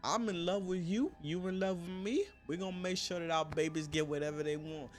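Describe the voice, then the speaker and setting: A man voicing a brash young woman caught cheating, with a shrill, defensive way of talking. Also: fairly quick, soft background music, close to an everyday voice. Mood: lovestruck.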